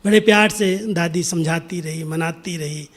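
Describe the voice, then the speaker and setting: A middle-aged man giving a spiritual discourse, telling a story in an unhurried way and sometimes sinking to a soft near-whisper. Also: a little high. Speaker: spiritual speaker.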